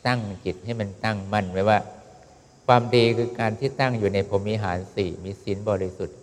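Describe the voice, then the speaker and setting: A calm male preacher gives a Buddhist sermon in a measured, steady way. His voice sits low and speaks straight to his listeners. A long reverb trails behind every phrase.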